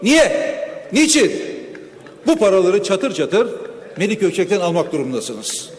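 A man's voice: sits high, big pitch swings, unhurried. A man giving an emphatic, accusing parliamentary speech into a rostrum microphone in a large chamber, building to pointed rhetorical questions. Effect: speaking into a rostrum microphone in a large chamber. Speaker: member of parliament. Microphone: fixed rostrum microphone. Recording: long reverb of a large hall.

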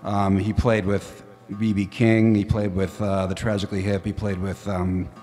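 A singer-songwriter, a man, chatting between songs at a live open stage, telling a long low-key anecdote in a rambling way. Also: little pitch movement, moderate pace, dark tone. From Canada. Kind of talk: casual storytelling between songs. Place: live music venue stage, indoors. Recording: live room with long reverb and guitar.

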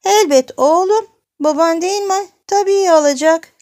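A woman voicing a hard-of-hearing eighty-year-old great-grandmother who scolds and grumbles in a high, strained voice. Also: normal speed, darkish tone. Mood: boastful.

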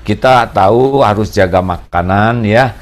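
A man's voice: fairly low pitch, a little slow. A middle-aged man giving an earnest religious talk to hajj pilgrims, stressing key words, recorded seated in a study with bookshelves. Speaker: preacher.

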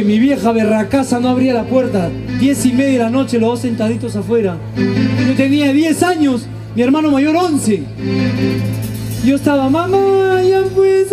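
A man doing a stand-up comedy monologue, telling stories animatedly and acting out his family's voices. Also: very high-pitched. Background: audience laughter.

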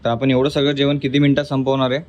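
A man's voice: medium pitch, level tone, fast, darkish tone, lo-fi sound, a little hiss or hum. A man vlogging about his family, talking to viewers while firmly coaxing and teaching his small child at mealtime. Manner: coaxing and firm, teaching a toddler.

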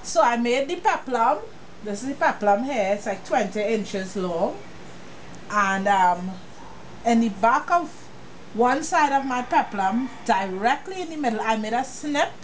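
This sewing tutorial host has a cold and a sniffle but stays chatty, talking right to the viewer as she goes through a casual step-by-step project. Her voice is fairly high, unhurried and lively in intonation, with slight background noise.

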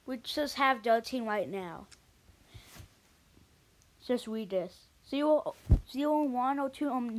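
A woman casually commentating a marble race video in a rambling, chatty way, with sudden excited shouts. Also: sits high, a little hiss or hum. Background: background music.

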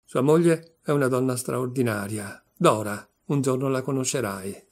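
A man's voice: medium pitch, normal speed, lightly acted. A man doing an earnest old-world baker. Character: aging soft-hearted male baker. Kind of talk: audiobook reading.

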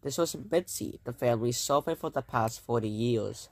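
Man reading a kids' book out loud, plain and steady. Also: mid-range voice, moderate pace. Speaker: reader. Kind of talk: reading a children's book aloud.

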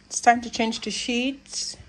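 A woman's voice: fairly high pitch, flat delivery, takes it slowly, loud music behind the voice. A woman hosting a casual home vlog, chatty and playfully scolding as she tidies. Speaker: vlogger.

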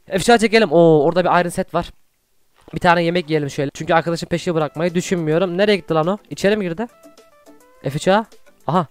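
A young man with a high, quick voice commentates his gameplay. He keeps chatting to his viewers between moves and bursts into loud shouts whenever a fight starts. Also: clear, resonant tone, no echo, faint music behind. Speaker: gaming YouTuber.

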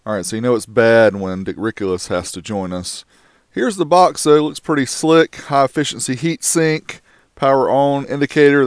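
A man's voice: medium pitch, dry recording, studio quality. A man giving a casual voice-over review of a car amplifier, with wry joking asides.

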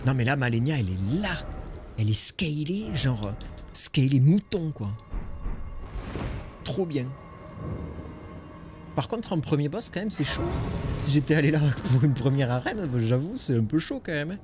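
A man with a French accent commenting casually on a game stream, excitable and swearing, joking with his chat. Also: on the high side, measured pace, long pauses. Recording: music behind voice.

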